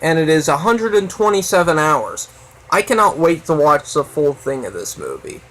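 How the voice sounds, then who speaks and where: A man's voice: a little high, sing-song, normal speed, fairly bright tone, low-quality recording. A man hosting a casual video, rambling with many fillers. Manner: rambling, full of "so yeah" and fillers. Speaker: video host. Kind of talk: casual chat.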